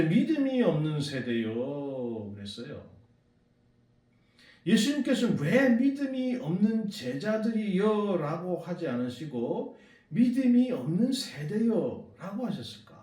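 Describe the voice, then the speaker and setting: A man preaching a Sunday sermon as pastor, animated and acting out the voices he quotes. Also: high-pitched, echoey room, distant mic. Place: church sanctuary.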